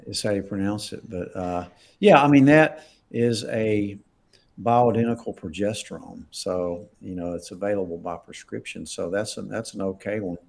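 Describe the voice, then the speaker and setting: Low, gravelly, slightly husky man, a doctor fielding live questions, casual and emphatic. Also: moderate pace, a little mellow. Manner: conversational, emphatic, laughs often. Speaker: doctor answering viewer questions.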